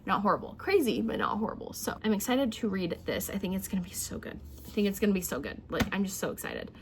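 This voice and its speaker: A young woman talking casually to viewers as a book vlogger, in an excited, rambling, giggly way, keeping her volume down a little. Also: medium pitch, quick pace. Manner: hushed, holding volume down for sleeping child. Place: indoors at home. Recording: clear heater hum behind voice.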